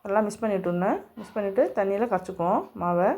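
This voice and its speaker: A woman's voice: mid-range voice, racing, warm tone. A woman, hosting a home cooking demonstration and explaining each step straight to her viewers. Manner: homely step-by-step instructions, speaking to viewers directly. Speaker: cooking channel host.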